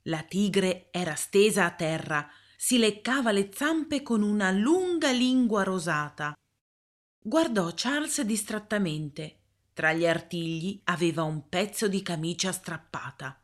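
A woman reading a story aloud in a calm, measured way. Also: mid-range voice. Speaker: narrator.

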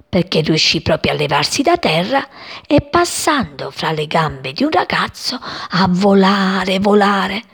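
A woman reading a children's story slowly and expressively, dropping to soft whispers. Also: mid-range voice, husky.

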